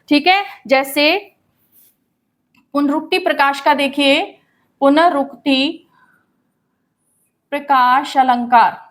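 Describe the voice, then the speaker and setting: A woman teacher explaining a grammar lesson patiently, often checking in with the class and reading verse lines slowly. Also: high-pitched. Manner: calls students "बेटा".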